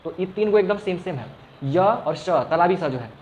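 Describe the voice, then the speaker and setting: A man's voice: high-pitched, expressive, normal speed, darkish tone, slight background noise. Patient male teacher drilling sounds. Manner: explains patiently, repeats sounds, scolds students playfully. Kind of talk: classroom lesson. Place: classroom with a fan running.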